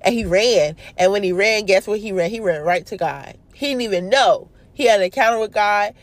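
A young woman hosting a casual devotional talk, stumbling over her words at times and growing animated as she preaches. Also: medium pitch, brisk, no echo. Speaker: prayer video host.

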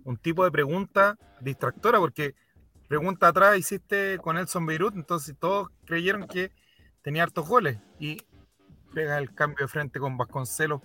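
A man's voice: fairly high pitch, moderate pace, bright, forceful tone, faint music behind. A man on a panel chat, teasing in a mock-formal way.

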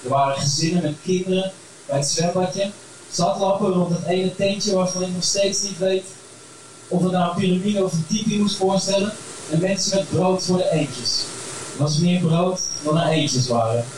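A man tells a first-person story with frank, crude, wry humor, his voice sitting a little high. He is picked up from a distance in a very echoey room, with steady background noise behind him. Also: normal speed.

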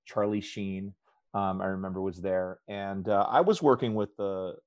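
A middle-aged man, a podcast guest, telling a story in a relaxed chat and acting out the voices he quotes. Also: low-pitched, moderate pace, dry recording, dull audio. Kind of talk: casual storytelling.

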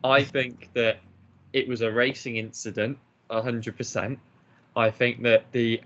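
Here a podcast co-host speaks in a medium-pitched, bright, forceful voice, joking with his fellow hosts and voicing blunt opinions in casual conversation. The recording is dull, lo-fi podcast sound.

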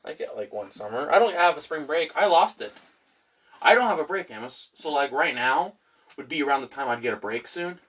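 A man's voice: fairly high pitch, expressive, fairly quick, a bit bright, slightly rough, far from the mic. A young man in casual chat, joking around and slipping into silly voices and sound effects.

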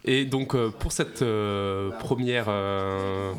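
A man's voice: on the low side, extremely slow, crowd noise. A man co-hosting a pop culture podcast, presenting music news in casual chat, hesitating with many fillers and joking. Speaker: podcast co-host, music segment.

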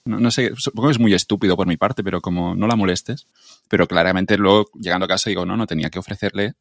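A man hosting a podcast, talking fast and eagerly in a lowish voice. The sound is dry and close to the mic. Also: fairly even intonation, vocal fry, no echo. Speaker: podcast host. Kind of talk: casual conversation.

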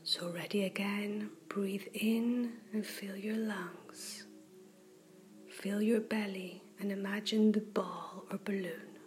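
A woman in a soft whisper, slowly and gently guiding a breathing meditation. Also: medium pitch, steady tone. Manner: slow, gentle and soothing. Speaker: meditation guide.

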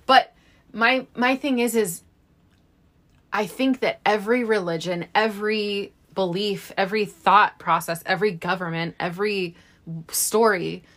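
A woman's voice: mid-range voice, measured pace, a bit bright. A woman hosting a podcast, talking frankly and outspokenly in a candid casual chat. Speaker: podcast host.

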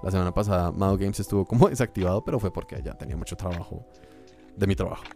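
Laid-back male co-host, low voice, loose talk, music underneath. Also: rapid-fire. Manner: relaxed, rambling with fillers and restarts. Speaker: podcast co-host. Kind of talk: casual chat.

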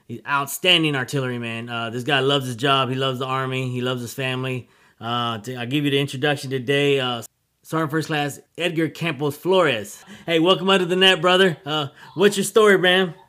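A middle-aged man hosting a casual podcast interview, friendly and halting with many fillers. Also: medium pitch, steady tone, bright, forceful tone. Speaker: podcast host.

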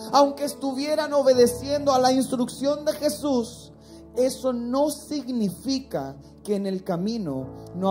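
Female preacher, high voice, sermon with congregation prompts, soft music behind. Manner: calls on the congregation to respond. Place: church.

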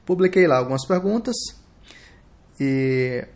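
A man with a Brazilian Portuguese accent hosting a live podcast, thinking aloud in a reflective, halting way. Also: medium pitch, animated, a little mellow. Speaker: podcast host.

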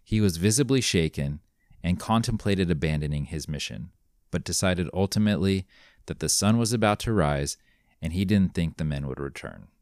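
A man reading a scripted mystery story in a measured, grave manner. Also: low voice, darkish tone, no room sound, studio quality. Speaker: narrator.

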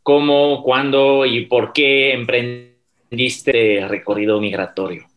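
A man's voice: mid-range voice, steady tone, takes it slowly, a bit bright. A man hosts an interview podcast, speaking in an ordinary mid-range voice. He asks his guests polite questions, sometimes with a filler word. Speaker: podcast host, university professor.

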